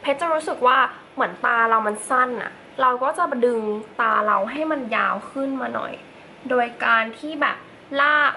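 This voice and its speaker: Bright-voiced chatty woman doing makeup. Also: fairly high pitch, slight background noise, low-quality recording. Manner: chatty, playful asides to viewers. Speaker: beauty vlogger. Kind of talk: casual makeup tutorial chat.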